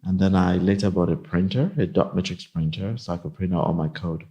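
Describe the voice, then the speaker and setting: Low-voiced man in his fifties. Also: mellow, muffled recording. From Nigeria. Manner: measured, explanatory. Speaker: guest, company CIO. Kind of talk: casual interview.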